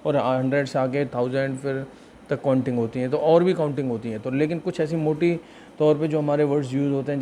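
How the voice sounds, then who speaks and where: A man with a Hindi accent giving a spoken English grammar lecture, explaining step by step and slowing down for English example sentences. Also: mid-range voice, mellow, slight background noise. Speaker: English teacher.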